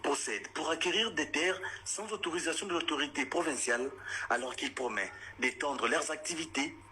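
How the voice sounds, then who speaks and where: A man reading a scripted news report in a measured, formal delivery. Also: fairly high pitch, sharp tone, a little hiss or hum.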